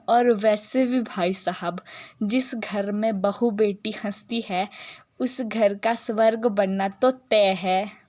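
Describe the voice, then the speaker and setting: A soft-hearted middle-aged cartoon dad, voiced by a woman who pulls her pitch down for him. He talks in a slow, calm drawl and gently scolds. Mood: reassuring. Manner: gently scolding, lower put-on voice. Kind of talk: animated story voice acting.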